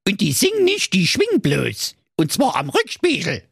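A man's voice: sits high, huge pitch swings, moderate pace, creaky, a bit bright, breathy edge, no echo, studio quality, voice pushed up, full character voice. A man voicing a grumpy, sly, evil male dwarf in a comic fairy tale, with a grumbling manner.

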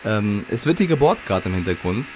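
A man's voice: fairly low pitch, very animated, brisk, a little hiss or hum. A man co-hosting a casual podcast, telling stories in a rambling way with many fillers and casual swearing. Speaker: podcast co-host. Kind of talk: casual chat.

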